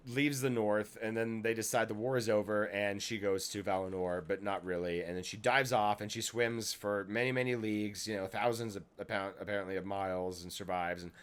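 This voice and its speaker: A man's voice: on the low side, level tone, brisk, hardly any pauses, clear, resonant tone. A man in casual chat while gaming, blunt and cynical, reeling off complaints.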